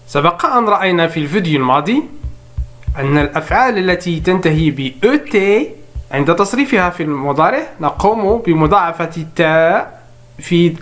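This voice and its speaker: A man with a slightly high voice teaches French conjugation, explaining in Arabic at an easy clip. He slows right down to pronounce each French verb form carefully, one by one, like a drill. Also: a bit bright. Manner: slow, deliberate spelling-out of French verb forms between quicker Arabic explanation. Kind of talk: bilingual grammar lesson.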